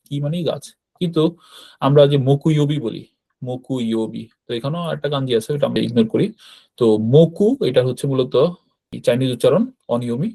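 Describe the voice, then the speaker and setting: Male teacher, Bangladeshi Bengali accent, warm mellow tone, patient step-by-step lecture delivery with fillers. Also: medium pitch. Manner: explains step by step, frequent fillers and self-corrections. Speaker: Japanese language teacher. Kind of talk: slide-based lecture.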